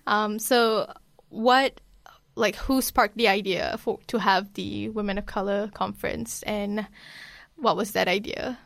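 A woman's voice: mid-range voice, steady tone, a little slow, vocal fry, dry recording. A woman from Malaysia, hosting an interview with a hesitant manner full of "like" and "um". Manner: warm, hesitant, many "like" and "um" fillers. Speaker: interview host. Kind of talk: casual interview.

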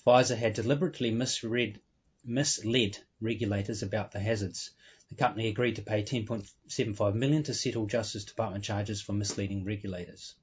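A man's voice: lowish voice, fairly even intonation, brisk, breathy edge, dull audio. A man talking as a guest in an interview. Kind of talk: casual interview talk.

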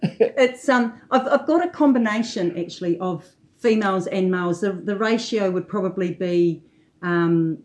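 A woman's voice: mid-range voice, normal speed, darkish tone. A woman talking casually as an interview guest about her own work as a trainer.

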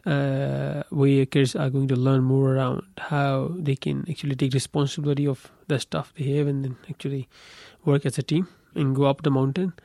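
A man's voice: mid-range voice, flat delivery, normal speed, vocal fry, hardly any pauses, mellow, no echo. A young man from Pakistan, a guest on a radio studio interview, speaking hesitantly with many fillers.

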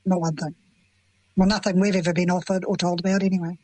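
Her voice is lowish and darkish with a breathy edge and little pitch movement, and she talks fast. A middle-aged New Zealand parent of children with FASD, she gives earnest, impassioned, plain-spoken interview answers full of emotion, on poor audio with no room sound.

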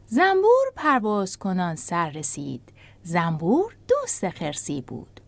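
A woman narrating a children's storybook in a gentle, expressive way. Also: lowish voice, creaky, no echo.

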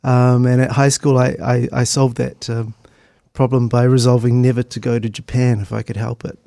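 This interview guest is a middle-aged man from Christchurch, New Zealand, whose accent colors his hesitant, conversational reminiscing. He speaks at medium pitch in a level tone, his voice dark and gravelly, and his thoughtful delivery often halts. The studio sound is clean, with no echo.

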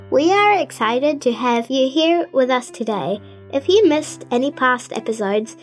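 In a high-pitched voice, a woman hosting a radio talent show carefully reads scripted introductions and prepared interview questions.

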